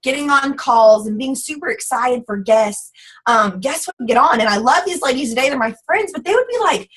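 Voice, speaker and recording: A Southern woman talks quickly and eagerly to her team over a video call. Her voice is slightly high and husky. She packs in fillers and rushes along without pausing. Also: expressive, a bit bright, rough recording. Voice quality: fast, bubbly, says "like" a lot. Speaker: guest speaker. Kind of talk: casual team call talk.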